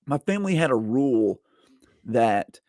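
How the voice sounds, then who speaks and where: A man's voice: mid-range voice, very animated, measured pace, a little mellow, no echo, clean studio sound. A man, telling stories in casual conversation. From Alabama, United States. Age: 40s.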